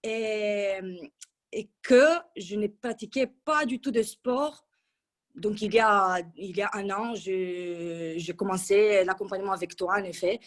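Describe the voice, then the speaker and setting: In an interview, a coaching client in her thirties offers a chatty testimonial packed with restarts and fillers. Her voice is mid-range and steady, and she speaks unhurriedly.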